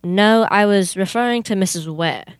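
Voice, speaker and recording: In a comedic vintage radio drama, a young woman plays a no-nonsense male detective who loses patience easily and interrogates with a straight face. Her mid-pitched delivery is smooth and moderately paced, close to everyday speech, with no room sound.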